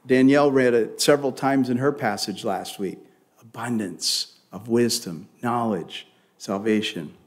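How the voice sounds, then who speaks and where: A man's voice: medium pitch, measured pace. A male pastor preaching a sermon, reading scripture aloud with rising force and leading the congregation in response. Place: church sanctuary.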